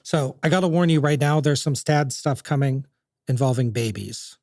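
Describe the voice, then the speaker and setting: A man's voice: mid-range voice, moderate pace, a little mellow, no echo, clean studio sound. A man hosting a podcast, telling history in a chatty, jokey, casual way. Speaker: podcast host.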